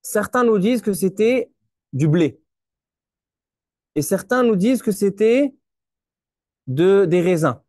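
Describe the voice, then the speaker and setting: This rabbi's Torah lesson comes in a high-pitched yet dark-toned male voice, animated but slow, with frequent pauses. The recording is dry and studio clean. He explains step by step, questions and answers himself, uses Hebrew terms, and repeats words as he gropes for them.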